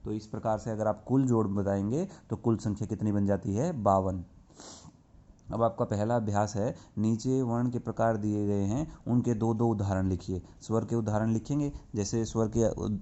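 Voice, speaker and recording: A male teacher talks through a grammar lesson, posing a question and then answering it himself. His voice sits low and mellow. The recording sounds dull and lo-fi. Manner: slow and explanatory, asks questions and answers them himself. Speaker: school teacher. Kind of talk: classroom lesson.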